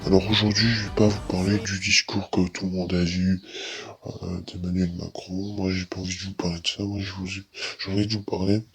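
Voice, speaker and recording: A young man of eighteen talks through a disguised, altered voice that sounds very deep. The tone is slightly husky, and he circles back over his own sentences with many false starts as he gives a casual opinion. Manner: rambling, with many restarts and repeats. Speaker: YouTuber.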